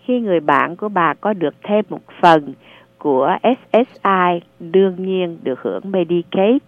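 A woman answers callers on a radio advice show, laying out benefit rules in a patient, reassuring way. Her voice sits a little low. It comes through a thin, phone-like channel. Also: normal speed, dry recording. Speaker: radio advisor on social services. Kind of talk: call-in advice, explaining benefits. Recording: narrow phone-like sound.

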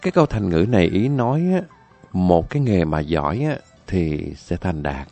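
A man's voice: sits low, expressive, normal speed, mellow, faint music behind. A man telling folk tales on a radio program, chatty and addressing the listeners directly. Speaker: radio storyteller. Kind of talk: folk-tale storytelling.

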